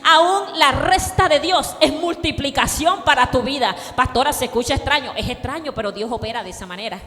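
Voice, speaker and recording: A woman pastor preaching a sermon with fervor, calling on the congregation to repeat after her and rising to shouts. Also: high-pitched, in a large hall. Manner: fervent preaching, rising to shouts, call and response.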